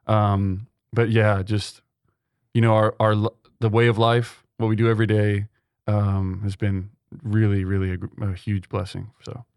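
A young man from Texas talks about his path into the seminary in an earnest, halting way, full of ums and restarts. His voice sits fairly low. The sound is dry and close, with no room around it. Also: level tone, vocal fry, a little mellow, clear, resonant tone, no echo. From Texas, USA. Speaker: seminarian guest. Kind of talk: conversational interview.

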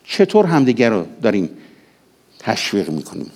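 A middle-aged male pastor preaching a sermon, swinging from raised exhortation to hushed, intimate passages. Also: lowish voice, huge pitch swings.

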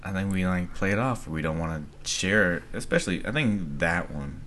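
A man co-hosting a casual chat, speaking softly with a lot of up-and-down movement in his voice. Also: low-pitched, expressive, normal speed, slight background noise.

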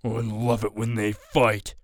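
A man's voice: fairly low pitch, completely flat delivery, takes it slowly, no room sound, studio quality, pitched below the performer's own voice. A man voicing a bald, leering thug who gloats. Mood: gloating.

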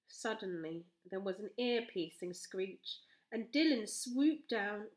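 A woman reading a children's storybook aloud, slowly and with expression. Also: medium pitch. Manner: slow, expressive. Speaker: storybook reader. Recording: roomy echo.

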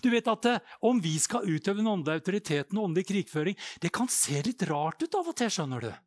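A middle-aged man preaching a charismatic sermon, roaring loudly and then dropping to hushed, intimate passages. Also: high-pitched, sing-song, no room sound. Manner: shouts and roars, swings between loud and hushed.

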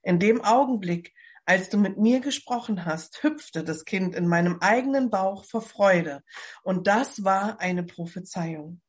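Elisabeth, an exultant woman of sixty-five who is expecting a child, breathes out blessings in a soft, airy voice as a woman reading aloud voices her. Her lines come slowly and gently, recorded at home. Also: mid-range voice, animated, breathy edge. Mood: joyful. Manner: exclaiming, warmly blessing. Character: joyful 65-year-old pregnant biblical woman. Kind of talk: dramatic Bible novel reading.

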